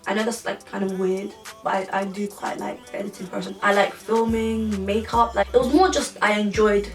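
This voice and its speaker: An English YouTuber in her twenties chats casually through a Q&A for her vlog, rambling and restarting often. Her voice is mid-range and steady at a normal speed, recorded from a distance and a bit off-mic in an echoey room with music playing behind.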